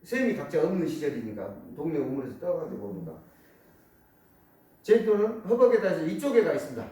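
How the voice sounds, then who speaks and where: A man's voice: a little high, a little fast. A man giving a public lecture on folk objects, pointing things out as he explains them. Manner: explains while pointing to objects, many repeated "이렇게"; lively, rising and falling delivery. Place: lecture hall. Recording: very echoey hall, speaker far off.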